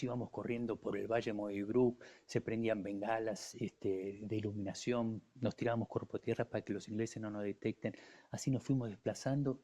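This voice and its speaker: A man's voice: lowish voice, mellow. A man in his sixties with an Argentine accent, a war veteran guest telling his story in the first person, vivid and intense, acting out other people's words. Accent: Argentine Spanish. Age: 60s.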